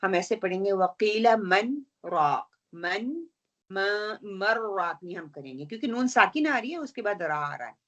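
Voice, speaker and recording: A woman teaching Quran recitation rules in an online lesson, explaining patiently, checking in with her students, and slowly reciting example verses. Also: medium pitch, sing-song, fairly bright tone, highs cut off. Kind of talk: online tajweed lesson, mixing Urdu and English.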